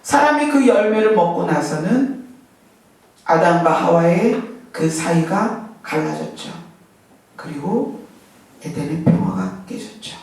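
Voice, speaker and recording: A woman delivers an animated sermon, pressing her listeners with rhetorical questions. She sounds middle-aged and is picked up from some distance away. Her voice rings through a strongly echoing church hall. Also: mid-range voice. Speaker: preacher. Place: church sanctuary. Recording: echoey hall, mic from far off.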